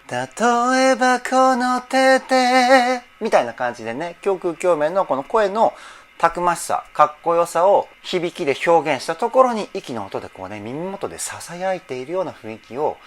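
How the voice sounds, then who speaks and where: A man's voice: fairly high pitch, big pitch swings, normal speed. A man working as a vocal trainer, analyzing singing in a reaction video, emotional and teary, often laughing. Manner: emotional, repeatedly laughing and moved.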